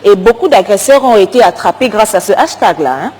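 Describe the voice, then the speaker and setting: A woman with a West African French accent, speaking slowly and insistently as an advisor in a comedy sketch. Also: mid-range voice, expressive, a little mellow, husky. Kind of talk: staged comedy sketch dialogue.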